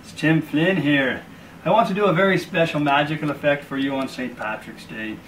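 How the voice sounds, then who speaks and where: A magician telling a story as patter while doing a card trick, in a slow, deliberate storytelling manner. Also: male voice, a little high, a bit bright, distant mic, a little hiss or hum, poor audio.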